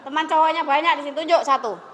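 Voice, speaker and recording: A woman's voice: sits high, racing. A woman English teacher leading a classroom lesson, coaxing and prompting her students to come forward and answer.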